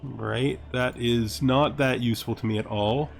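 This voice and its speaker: A gaming series host speaks unhurriedly in a creaky, medium-pitched voice with a steady tone, music playing behind him. He gives casual commentary on a video game, musing aloud, asking rhetorical questions, sounding exasperated at points and sometimes reading game text.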